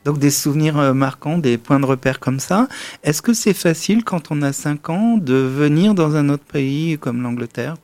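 A man hosting a radio interview, asking questions gently and patiently. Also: on the high side, expressive, normal speed, dry recording. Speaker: radio host.

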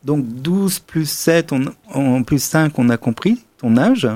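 A man's voice: fairly high pitch, expressive, slow pace, no echo. Man, radio host, patient interviewer, dry close studio sound. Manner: gentle, patient questioning.

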